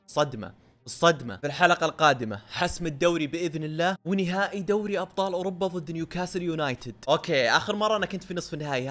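Man, Gulf Arabic accent, rapid chatty game commentary, higher-pitched, faint background music. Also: fairly bright tone. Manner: rapid, chatty, scolds on-screen players. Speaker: gaming YouTuber. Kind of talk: excited football game commentary.

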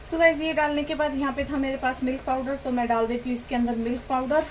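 Woman, middle-aged, casual cooking vlog, chatty, step-by-step, fairly high voice, phone video, clear background noise. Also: level tone, quick pace. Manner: chatty, step-by-step, addresses viewers directly. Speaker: cooking vlogger. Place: home kitchen, indoors. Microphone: phone camera held nearby.

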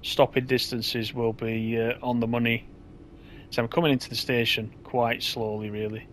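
A man's voice: mid-range voice, little pitch movement, moderate pace, fairly bright tone, a little hiss or hum. A man giving casual, chatty gameplay commentary as he drives a train, thinking aloud in an easygoing way.

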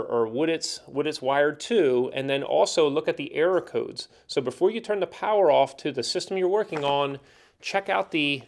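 Instructor, male, 30s, steady hands-on explainer, voice a touch high, lapel mic in a small indoor room. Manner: plain, practical, steady explaining with fillers. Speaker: HVAC instructor. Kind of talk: technical training explanation. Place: indoor training room with whiteboard.

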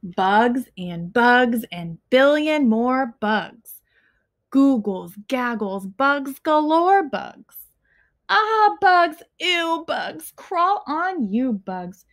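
In a small living room at home, a young woman who teaches reads a picture book to children. Her voice is fairly high, and she reads very slowly and expressively, pausing around each short phrase and stressing it clearly.

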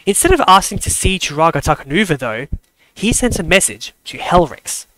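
A man narrates a fan-made story in a steady, measured reading voice. His pitch sits slightly high. The recording is close and dry. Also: dry recording, poor audio.

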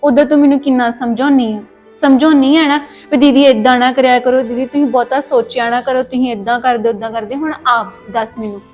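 A woman's voice: high voice, steady tone, fairly quick, soft background music, lightly acted. A woman acting a caring elder sister in a Punjabi family drama, consoling her younger sister with a Punjabi accent. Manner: consoling, scolding gently, homely.

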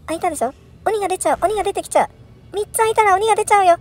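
A woman's voice: very high-pitched, very fast, soft background music. A woman streaming a first play of a horror puzzle game, thinking aloud and crying out in alarm with repeated exclamations.

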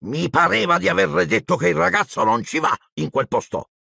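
A man voicing a blustering, stout middle-aged uncle who sputters indignantly in a shrill, raised voice. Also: sing-song, moderate pace, gravelly, fairly bright tone, breathy edge, no echo, studio quality, full character voice. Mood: hissing.

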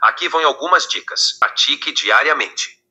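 A synthetic-sounding male tutor voice with a very bright, slightly husky tone. He speaks patiently and encouragingly, slowing down for the model phrases, and sounds as if it is played from an app. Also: on the high side, lively intonation.

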